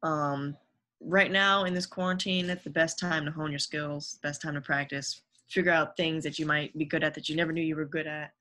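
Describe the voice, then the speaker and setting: A woman's voice: sits low, fairly even intonation, normal speed, sharp tone. A young adult woman, a guest on a podcast, talking casually and earnestly about her career and giving upbeat advice. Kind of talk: casual interview chat.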